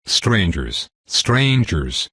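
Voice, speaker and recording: A man's voice: fairly low pitch, big pitch swings, extremely slow, a bit bright, breathy edge, no room sound, heavily acted. A man voicing a grumpy female gray parrot who squawks threats in an audiobook. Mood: agitated. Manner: squawking, menacing. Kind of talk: audiobook character voice.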